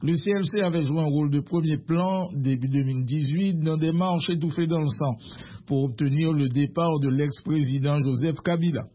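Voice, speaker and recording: A man anchoring a radio news bulletin, reading in a measured, formal way. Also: on the high side, breathy edge. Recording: muffled radio broadcast.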